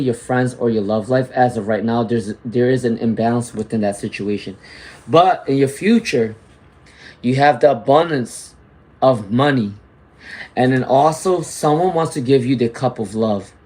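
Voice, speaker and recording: Over poor audio, this man's mid-range, slightly mellow voice leads a live tarot session. Reading viewer comments aloud and greeting people in the chat, he frequently asks "all right?" and "okay?"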